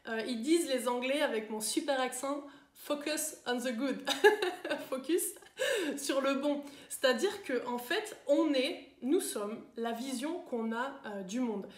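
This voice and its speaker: A woman's voice: high-pitched, measured pace, hardly any pauses, roomy sound. A woman coach talking to viewers in a chatty way, with many fillers and tag questions. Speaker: coach giving self-improvement advice. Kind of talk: live talk to viewers.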